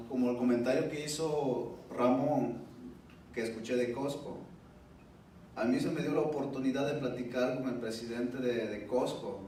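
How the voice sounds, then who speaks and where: A man with a medium-pitched, darkish voice delivers a personal testimony in Spanish at a public event. He sounds distant and echoey, recorded from far away in an indoor event room with a very reverberant sound and faint noise.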